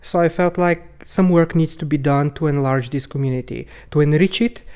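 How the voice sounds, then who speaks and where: A man from Bulgaria, speaking as a podcast guest in a hesitant, halting way with many filler sounds. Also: fairly high pitch, darkish tone, clear, resonant tone. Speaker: podcast guest, rope bondage instructor. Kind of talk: casual conversational interview.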